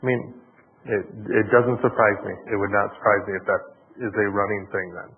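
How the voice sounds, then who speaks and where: A man's voice: on the low side, steady tone. A man on a township board, speaking hesitantly with many restarts at a public meeting. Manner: hesitant, halting with repeated restarts. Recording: tinny lo-fi audio in a reverberant hall.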